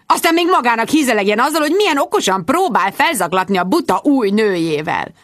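A woman reading an audiobook voices an indignant young woman friend who rants loudly about men. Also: on the high side, big pitch swings, voice pushed up. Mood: outraged. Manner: loud, outraged tirade.

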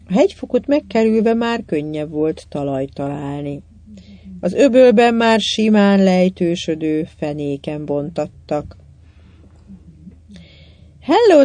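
Audiobook narrator, children's adventure novel, even storytelling, dry close recording. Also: medium pitch, no room sound. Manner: even storytelling, lively in dialogue.

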